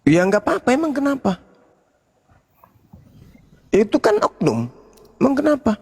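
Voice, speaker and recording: A man's voice: extremely high pitch, sing-song, measured pace, gravelly, darkish tone, husky. A man arguing hard in a live debate, combative and mocking, his voice rising when pressed.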